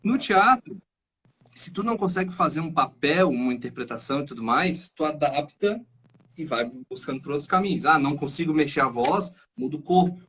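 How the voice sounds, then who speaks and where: Man explaining animatedly with a higher pitch. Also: fairly quick, husky. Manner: explanatory and animated, thinking aloud. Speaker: guest voice teacher and actor. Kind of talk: casual chat.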